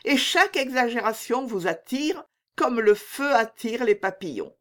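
Une lectrice qui fait une jeune femme douce et sérieuse, dans un roman lu à voix haute. La voix est haute et expressive, pleine de retenue tendre. Le rythme est lent et soigné. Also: female voice, on the high side, measured pace, pitched above the performer's own voice. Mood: earnest. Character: gentle, reasonable young woman.

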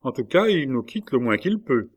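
A man's voice: mid-range voice, sing-song, moderate pace, husky, pitched above the performer's own voice. A man reading the part of a young woman, the jailer's daughter, in an audiobook, in an earnest and reassuring manner.

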